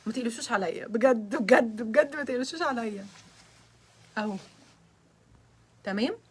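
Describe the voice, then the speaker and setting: A woman's voice: fairly high pitch, moderate pace, breathy edge. A young woman with an Egyptian accent hosting a casual live stream, flustered and nervous and often breaking into giggles. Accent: Egyptian Arabic.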